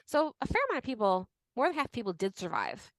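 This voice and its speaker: A woman's voice: fairly high pitch, sing-song, fast talker, no room sound. A woman co-hosting a podcast in casual chat, telling the story in a chatty way full of fillers. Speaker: podcast co-host.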